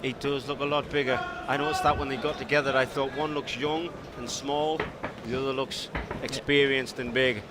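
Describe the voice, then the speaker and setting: A man's voice: medium pitch, fairly even intonation, moderate pace, hardly any pauses. A man calling a fight live as play-by-play commentator in short, conversational phrases. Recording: noisy arena behind.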